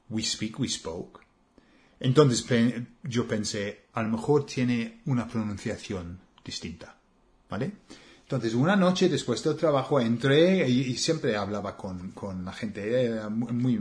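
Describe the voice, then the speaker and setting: A man with an English accent speaking Spanish, co-hosting a relaxed language lesson, slow and hesitant with many fillers. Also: on the low side. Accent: English learner speaking Spanish. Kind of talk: casual conversational lesson.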